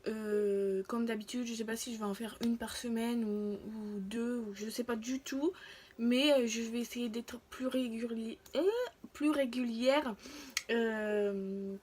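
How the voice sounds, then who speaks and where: A woman's voice: a little high, steady tone, unhurried, darkish tone. A woman vlogging casually to her followers, rambling and interrupting herself as she goes, often trailing off. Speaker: vlogger showing free samples she received. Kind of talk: casual chatty video to followers.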